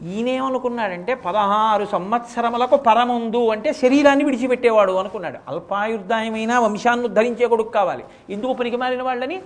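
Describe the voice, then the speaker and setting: High-voiced male preacher telling a sacred story. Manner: animated storytelling, slow chanted verse recitation. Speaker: religious discourse speaker. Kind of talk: sermon storytelling.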